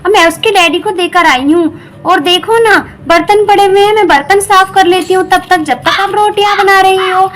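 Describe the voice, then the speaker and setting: A woman voicing a calm, busy elder sister-in-law cooking in a doll story, matter-of-fact. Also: very high voice, moderate pace, a little hiss or hum. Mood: practical. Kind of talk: doll story role-play.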